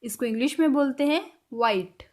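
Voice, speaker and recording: A woman with a high voice leads a spoken language lesson. She repeats each example phrase slowly and clearly. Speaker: language teacher.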